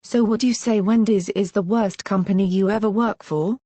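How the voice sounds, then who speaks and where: Female interviewer, soft-edged mellow tone, informal questioning, recorded dry. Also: mid-range voice, fairly even intonation, normal speed, dry recording. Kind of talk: casual questioning.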